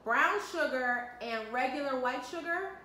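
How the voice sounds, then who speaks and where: A woman's voice: high-pitched, expressive, unhurried, bright, forceful tone. A woman in her thirties leading a home cooking demo with her kids, upbeat and coaching them step by step, recorded in an echoey kitchen with faint background noise. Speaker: mother leading a kids' cooking segment. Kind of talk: home cooking demonstration with children. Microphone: camera mic from a few feet away.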